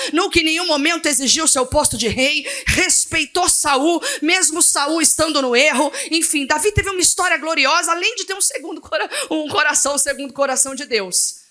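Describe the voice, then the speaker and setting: A woman pastor with a Brazilian Portuguese accent, preaching a sermon in an animated way, acting out dialogues and laughing often. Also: high voice.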